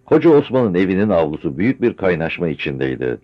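A man reads a novel aloud in a measured, literary storytelling manner. His voice sits very low and deep. The recording is dull and lo-fi. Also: sing-song. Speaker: narrator. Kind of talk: audiobook narration.

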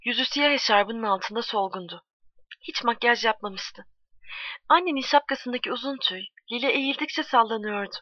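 A woman's voice: a little high, moderate pace, no room sound. Woman reading a story in a dull, dry recording. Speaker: narrator.

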